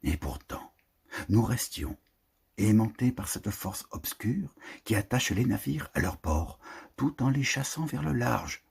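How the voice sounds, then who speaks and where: Reading a literary prose poem, a man with a very husky, breathy voice speaks slowly and solemnly, phrasing each line deliberately. His pitch swings widely as he declaims, giving lively intonation over a darkish tone.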